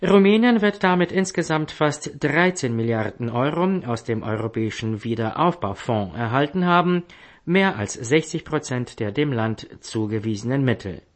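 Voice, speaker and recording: A man's voice: medium pitch, expressive, moderate pace. A man reading a scripted news bulletin in a formal manner as a radio newsreader. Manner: formal, headline then story.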